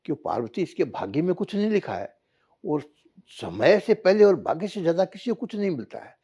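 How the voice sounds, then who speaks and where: A man plays Lord Shiva, a calm, all-knowing deity in a spoken parable. He explains with patience and a lively rising pitch. The sound is a touch lo-fi and dull. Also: fairly quick, slightly rough, exaggerated voice. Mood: lecturing. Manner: patient, lecturing storyteller's voice.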